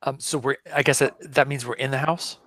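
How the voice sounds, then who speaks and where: A man's voice: mid-range voice, fairly even intonation, fairly quick, fairly bright tone. A man playing a tabletop game, thinking aloud and correcting himself as he describes his character's actions. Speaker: player.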